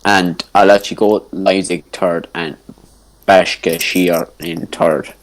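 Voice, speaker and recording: A young man co-hosting a casual podcast chat, relaxed and agreeable in the banter. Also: deep voice, unhurried, low-quality recording. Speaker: podcast co-host. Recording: faint background noise.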